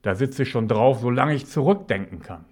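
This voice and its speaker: A man's voice: mid-range voice, expressive, fairly quick, a little mellow, voice pushed up, natural voice. A man voicing an old street beggar who mumbles his replies in a resigned way.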